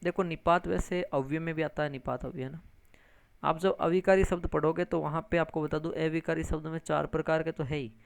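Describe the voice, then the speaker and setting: A man's voice: a little high, vocal fry, clean tone, no room sound. A male grammar teacher giving an exam-prep lesson, explaining step by step and answering his own questions. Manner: addresses viewers as friends, frequent tag questions.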